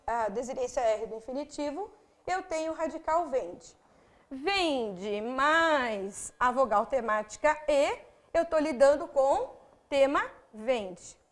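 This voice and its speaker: In this grammar video for exam candidates, a high-voiced woman with a Brazilian Portuguese accent breaks things down step by step, frequently drifting into side remarks addressed to the viewer.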